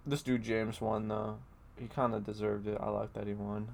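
A man's voice: lowish voice, level tone, normal speed, gravelly, a little mellow, slight background noise. A young man chatting casually with a friend, giggling and rambling with lots of filler words.

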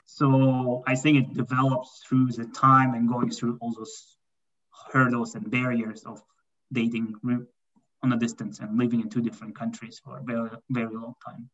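A man's voice: medium pitch, moderate pace. A man in his thirties from Kazakhstan, a guest talking casually in an interview and often saying "yeah" and "for sure.". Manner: relaxed, repeats "for sure" and "yeah". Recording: muffled lo-fi call audio.

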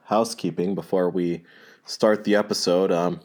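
A man hosting a podcast, speaking hesitantly with many filler pauses over a low-quality recording while recovering from illness. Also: steady tone, a little mellow. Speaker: podcast host. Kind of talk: casual spoken announcement.

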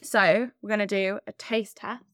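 Brief: upbeat woman co-host, quick to laugh, dry close recording. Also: mid-range voice, steady tone, fairly bright tone, no echo. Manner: upbeat, leads the game, laughs often. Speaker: podcast co-host. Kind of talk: casual chat.

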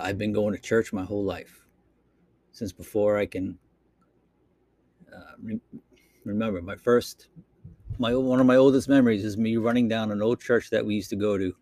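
A man's voice: lowish voice, a little mellow, dry recording, studio quality. A man from Boston with a Boston accent, rambling through an unscripted solo podcast monologue into a computer microphone, with lots of fillers and restarts. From Boston, Massachusetts. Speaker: podcast host. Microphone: talking into a computer microphone.

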